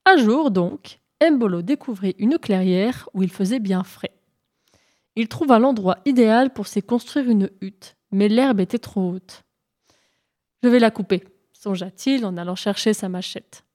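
A woman narrating folk tales for a storybook, reading calmly and evenly. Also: medium pitch. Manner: calm, measured narration.

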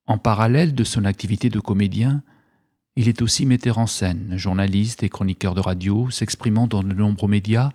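A man with a lowish voice reads a scripted biographical introduction. His delivery is even and informative. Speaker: narrator introducing a guest.

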